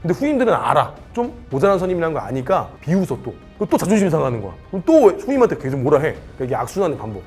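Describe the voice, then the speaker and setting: A man's voice: a little high, big pitch swings, rapid-fire, hardly any pauses, darkish tone, faint music behind. A man in his thirties, a former platoon leader, telling army stories in casual chat and acting out the dialogue in changing voices.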